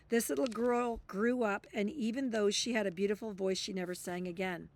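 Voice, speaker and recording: A woman who reads passages from a self-help book aloud and breaks off into emphatic, blunt commentary. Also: medium pitch.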